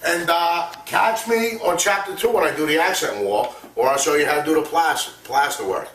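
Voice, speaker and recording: A man's voice: fairly high pitch, normal speed, a bit bright, far from the mic. A man who paints houses, explaining how to paint a ceiling in a loose, rambling way full of fillers, recorded by a camera in a living room under renovation. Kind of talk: casual how-to demonstration. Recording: roomy, off-mic, faint background hiss.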